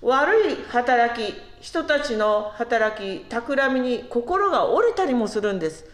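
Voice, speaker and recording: A woman delivers a sermon in a conversational way and often turns to ask the congregation questions. Her voice sits fairly high and swings widely, and she draws out words for emphasis. The room is echoey. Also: big pitch swings. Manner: conversational, asks the listeners questions, slows down to stress words. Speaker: preacher.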